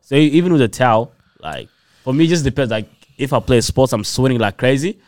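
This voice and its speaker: A man's voice: medium pitch, lively intonation, fast talker, darkish tone, dry recording. A man co-hosting a podcast, chatting casually with friends in slangy, laddish bro talk. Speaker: podcast co-host. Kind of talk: casual banter among friends.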